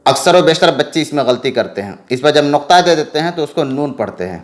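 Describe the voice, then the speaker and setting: A man teaching letter reading in a patient lesson, repeating letter names slowly and drawn out. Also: a little high, expressive. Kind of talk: slow explanatory lesson.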